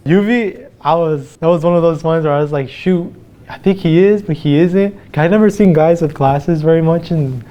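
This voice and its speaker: Young male contestant, mellow, hesitant, casual. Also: a little high, moderate pace, highs cut off. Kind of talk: casual group chat.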